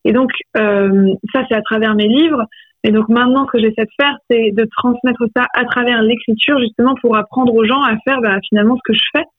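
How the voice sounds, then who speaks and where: Author guest on a phone call, heard through a thin landline, close and dry, thoughtful and searching in delivery. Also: female voice, a little high, steady tone, a little fast, no echo. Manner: reflective, searching for words. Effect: heard over a landline phone line. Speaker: author interviewed about her poetry. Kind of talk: radio interview by phone. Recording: tinny, dry phone line.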